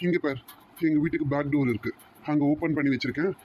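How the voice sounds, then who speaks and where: A performer voicing a teasing but protective young man who calms his girlfriend, in an amateur audio romance story. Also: medium pitch, quick pace, muffled recording, a little hiss or hum, lightly acted. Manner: teasing, reassuring.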